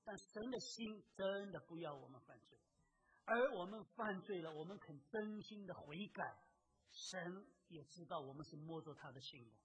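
A preacher delivering a sermon, emphatic and full of rhetorical questions, swinging between loud exclamations and quiet asides. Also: mid-range voice, expressive, moderate pace, rough recording.

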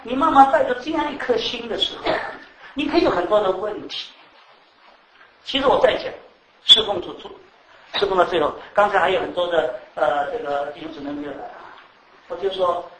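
Male preacher, high voice, lively and repetitive, quizzing the room; off-mic in an echoey hall. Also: recorded from a distance. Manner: animated, repeats words, laughs, asks the audience questions. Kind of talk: sermon. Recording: echoey room, speaker off-mic, faint background noise.

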